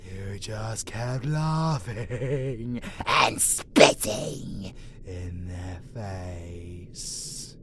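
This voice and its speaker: This time the vampire abomination sounds incredulous, the voice pitched on the low side and extremely slow, with a noisy background behind it. The man playing the creature gives a dramatic villain monologue in a monster audio roleplay, growling gravelly taunts. It's a theatrical, sadistic, grudgingly fond predator whose foul-mouthed delivery swings between whispers and shouts.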